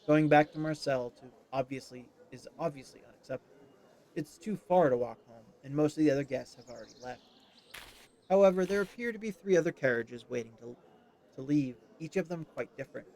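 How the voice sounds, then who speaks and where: A man streaming himself as he reads a story game aloud, expressive but with small slips. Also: fairly high pitch, brisk. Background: game music.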